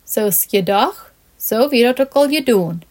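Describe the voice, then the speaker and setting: Woman, storyteller, slow careful reading, fairly high pitch. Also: lively intonation, darkish tone. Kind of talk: reading a children's story aloud.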